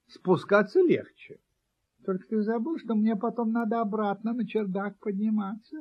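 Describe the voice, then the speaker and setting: A man's voice: sits high, moderate pace, voice pushed up. A man voicing a naive, curious little male kitten in a storybook reading, earnest and puzzled. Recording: dull lo-fi recording.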